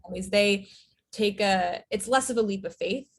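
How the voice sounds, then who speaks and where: A woman who writes and directs chats as an interview guest, relaxed and thoughtful, with plenty of filler words. Her voice is mid-range and she speaks at a normal speed.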